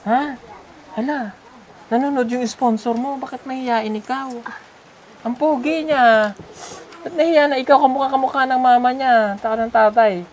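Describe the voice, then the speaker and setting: A woman's voice: sits high, normal speed, pauses often, slight background noise. A woman vlogger chatting with a family at their home, coaxing and teasing with lots of questions. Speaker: vlogger visiting a sponsored child. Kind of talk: casual vlog chat.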